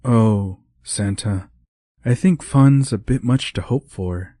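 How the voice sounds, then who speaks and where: A man voicing a cheerful, playful young woman teacher in an audiobook, lifting his voice higher and teasing. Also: takes it slowly, warm tone, no room sound, studio quality. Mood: lively. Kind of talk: audiobook character voice.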